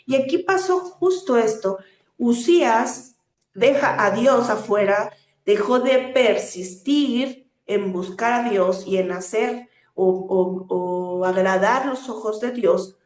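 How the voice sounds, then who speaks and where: A woman with a slightly high, somewhat mellow voice preaches a sermon at an unhurried pace. She teaches earnestly, posing rhetorical questions and filling the gaps between phrases with frequent hesitant fillers. The room is echoey.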